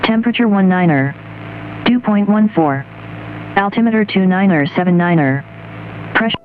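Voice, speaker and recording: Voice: medium pitch, animated. Tinny airport weather broadcast over radio. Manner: slow, evenly paced reading of weather figures. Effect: heard over aircraft radio. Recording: tinny radio with faint hiss.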